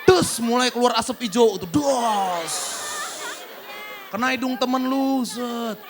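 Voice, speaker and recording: A young man performing a stand-up comedy set on stage, telling his story in an animated way and acting out the dialogue. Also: extremely high pitch, a little slow, crowd noise, background noise. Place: comedy stage before a live audience. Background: audience laughter.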